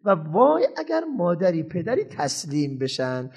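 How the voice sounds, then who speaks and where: A man's voice: sits high, huge pitch swings, darkish tone, husky. A man giving a parenting lecture to an audience, emphatic and acting out parents and children as he speaks.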